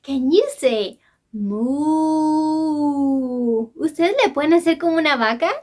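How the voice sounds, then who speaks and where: A woman teaching young children in an animated lesson, talking in an exaggerated sing-song way and gasping with wonder. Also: high-pitched, a little fast.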